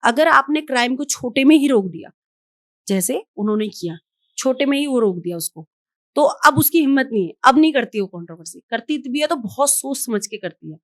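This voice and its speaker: Outspoken woman with a fairly high voice. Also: lively intonation, brisk, no room sound, studio quality. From Haldwani, Uttarakhand, India. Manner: outspoken, emphatic, gives firm advice. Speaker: podcast guest, entrepreneur and influencer. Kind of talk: podcast interview.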